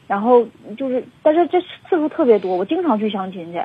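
Upset Northeastern Mandarin woman caller, 20s, husky, fast, rambling, on the phone. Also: a little high, big pitch swings. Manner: rambling, many fillers, upset. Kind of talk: phone-in confession. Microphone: telephone. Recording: tinny dry phone line.

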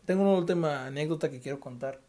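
A man's voice: fairly high pitch, fast talker, warm tone. A young man with a Mexican accent, hosting a podcast and telling stories in a loose, slangy way, acting out the people he quotes. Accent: Mexican Spanish. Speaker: podcast host. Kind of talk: casual storytelling.

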